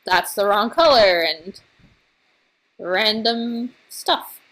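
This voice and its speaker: A tired woman talks her way slowly through a building game, still recovering from being sick. She rambles in a halting way, trailing off and picking her thoughts back up. Her pitch sits in an ordinary middle range. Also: lively intonation, a bit bright, low-quality recording. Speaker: let's play host. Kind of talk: casual gameplay commentary.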